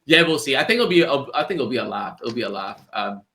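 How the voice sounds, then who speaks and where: A man with a bright, forceful tone co-hosts a podcast. He talks in loose, energetic chat, full of slang and quick laughter, at an ordinary pitch for a man. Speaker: podcast co-host. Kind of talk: casual chat.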